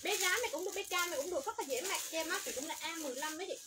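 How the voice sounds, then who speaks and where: Rapid-fire high-voiced woman seller. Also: very noisy. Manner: rattles off product codes and sizes, upbeat selling. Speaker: livestream clothing seller. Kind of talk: fast livestream sales pitch.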